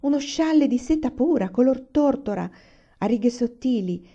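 A woman's voice: a little high, animated, moderate pace, warm tone, lo-fi sound, pitched above the performer's own voice. A woman reading the lines of an eager young girl in a storybook. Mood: delighted. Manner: eager, admiring. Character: young girl delighted by a gift.

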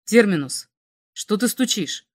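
A woman's voice: medium pitch, expressive, unhurried, dry recording, studio quality. A woman doing an urgent young spaceman. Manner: calling out, urgent. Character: young male cosmonaut, tense and urgent.

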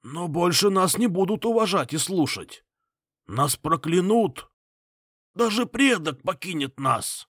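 A man voicing a frail old clan patriarch with a hoarse, rattling voice who shouts in protest. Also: high voice, expressive, unhurried, no room sound, studio quality, pitched above the performer's own voice, full character voice. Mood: bitter. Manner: shouting, pleading.

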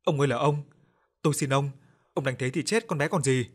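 A man's voice: mid-range voice, fairly quick, lightly acted. A man voicing a frantic middle-aged mother who wails and begs. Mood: desperate pleading. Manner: wailing, begging.

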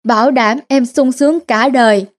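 A woman's voice: high-pitched, normal speed, close to an everyday voice. A woman voicing a cocky young male thief in a storybook tale. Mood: scheming. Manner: brash, wheedling.

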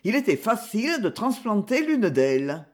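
Expressive audiobook narrator, lively pitch. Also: normal speed. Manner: expressive literary reading. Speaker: audiobook reader. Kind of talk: scripted narration of a classic novel.

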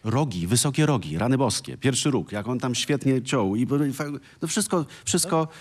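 A man's voice: mid-range voice, animated, moderate pace, slightly rough. A man music critic on a radio panel in a studio, talking in an enthusiastic, expansive way with frequent exclamations.

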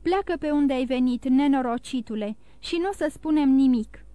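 Audiobook: female reader as a proud young lady, curt and contemptuous; high, dry. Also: dark tone, dry recording, natural voice. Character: proud, cold young noblewoman.

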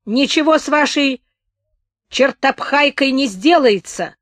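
A stubborn old village man , as a woman reader puts him on, bickers and wheedles in rustic speech. The voice pushes up high and loud against her usual reading. It is recorded dry and close for an audiobook. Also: animated, a little slow, no echo. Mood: quarrelsome. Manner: grumbling, quarrelsome, rustic speech.

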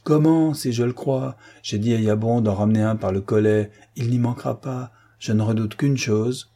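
A man's voice: lowish voice, little pitch movement, normal speed, mellow. A man voicing a jovial army captain who gives orders to his wounded soldiers, by turns commanding and affectionate. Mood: firm. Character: hearty male army captain, convalescent officer.

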